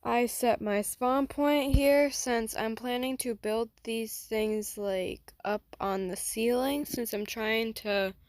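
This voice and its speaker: A woman's voice: a little high, fairly even intonation, takes it slowly, hardly any pauses, a little mellow, no echo, clean studio sound. A woman giving casual, rambling gameplay commentary, thinking aloud as she builds. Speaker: gaming vlogger.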